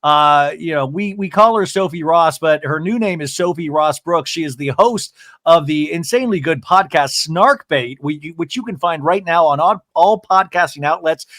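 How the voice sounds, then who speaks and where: A man's voice: on the high side, normal speed, fairly bright tone, no echo, studio quality. A man hosting a podcast in casual chat, effusive and gossipy, rambling from one thought to the next. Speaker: podcast host.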